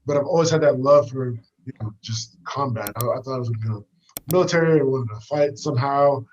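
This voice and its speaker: This casual storytelling interview features a young American fighter walking outdoors and loosely recounting his past with lots of fillers. His voice is medium-pitched, fairly quick and a little mellow, and the lo-fi sound carries a little hiss or hum.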